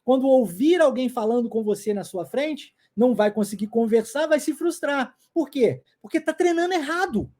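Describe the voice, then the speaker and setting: A man's voice: very high-pitched, animated, normal speed, few pauses, dark tone. Emphatic Brazilian man teaching English. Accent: Brazilian Portuguese. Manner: emphatic and insistent, repeats English phrases in drills. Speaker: English teacher and language school founder. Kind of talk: video lesson lecture.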